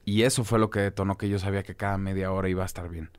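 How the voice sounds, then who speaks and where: A man's voice: deep voice, little pitch movement, rapid-fire, clean tone. A young Mexican man, a podcast guest, talking candidly and casually in a rambling, slangy storytelling way. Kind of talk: casual conversational interview.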